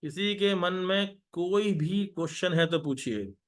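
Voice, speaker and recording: An Indian male math teacher running a live online class, with a fairly high voice. He coaxes his students along and repeats his instructions. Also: a little slow.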